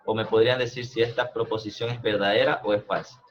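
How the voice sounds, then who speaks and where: A man's voice: lowish voice, steady tone, fast talker, slight background noise. Guy teaching math on a video call, patient, keeps asking "¿no?", audio kinda dull. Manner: explains patiently, checks understanding with frequent "¿no?" and "¿verdad?". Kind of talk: online math class.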